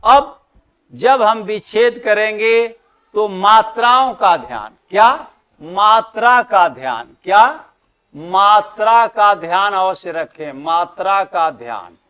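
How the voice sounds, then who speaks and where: Man teaching an exam-prep class, high voice, unhurried, poses questions and answers them himself. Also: lively intonation, sharp tone, smooth. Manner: repeats key terms slowly for emphasis.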